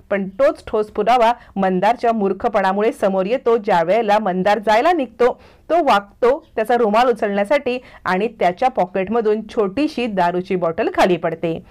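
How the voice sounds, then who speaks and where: A woman recaps a television serial episode in a brisk, storytelling way. Her voice sits a little high for a woman, steady as she moves the plot along. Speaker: narrator.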